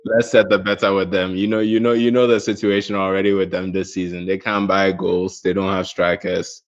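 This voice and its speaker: A man's voice: deep voice, level tone, fairly quick, lo-fi sound. A man talking football casually as a panelist, hesitant and repeating his phrases. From Ghana.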